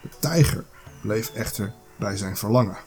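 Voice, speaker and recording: A man's voice: fairly low pitch, normal speed, a little mellow, faint music behind. A man hosting a podcast, reading a fairy tale aloud in a casual way with the odd stumble. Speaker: podcast host.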